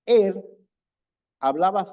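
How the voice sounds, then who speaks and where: A man's voice: sits high, lively intonation. A man teaching public speaking in an online presentation, stressing points by repeating them. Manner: slow, deliberate delivery with repeated emphasis. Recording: slightly dull, lo-fi audio.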